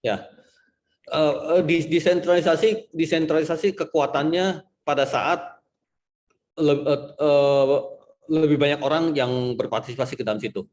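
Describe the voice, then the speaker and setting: A man's voice: fairly high pitch, fairly even intonation, normal speed, a little mellow. A man lecturing an online class in casual style slang, joking and rambling.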